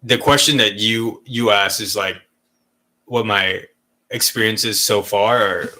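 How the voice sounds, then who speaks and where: Candid bright-voiced man from Malaysia. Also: on the low side, fairly even intonation, takes it slowly. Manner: candid, rambling storytelling with frequent swearing and laughs. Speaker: podcast co-host. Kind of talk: casual chat.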